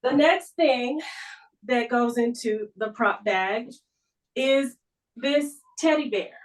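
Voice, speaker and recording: A middle-aged woman speaking as a guest at a club meeting, telling a personal story in an unhurried, conversational way. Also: on the high side, distant mic, poor audio. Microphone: video call.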